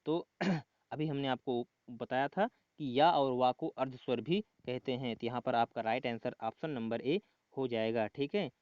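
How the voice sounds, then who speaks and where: A man tutoring for a competitive exam, walking through quiz answers, often repeating the answer and saying "okay" between points, with the odd throat-clear. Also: mid-range voice, unhurried, a little mellow, dry recording, lo-fi sound.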